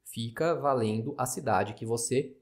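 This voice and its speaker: A man's voice: mid-range voice, unhurried. A man with a Brazilian Portuguese accent, an astrologer hosting a podcast, explaining in a chatty, skeptical way with frequent tag questions. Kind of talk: casual explanatory monologue.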